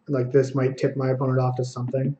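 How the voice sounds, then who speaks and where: A man's voice: mid-range voice, completely flat delivery, warm tone, a little hiss or hum. A young man streaming a card game, thinking aloud and scolding himself for his own plays in casual commentary. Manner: self-critical, thinking aloud, quick asides. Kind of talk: live gameplay commentary.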